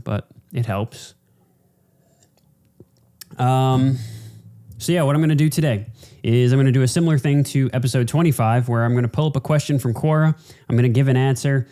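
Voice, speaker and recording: A man's voice: medium pitch, warm tone. A man hosting a casual solo podcast, talking in an informal, rambling, sweary way. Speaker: podcast host.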